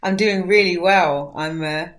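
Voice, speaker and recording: Casting: woman guest, soft and hesitant, lowish voice. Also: unhurried. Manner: soft-spoken, hesitant, many ums. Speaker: podcast guest. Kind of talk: casual podcast chat. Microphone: remote call.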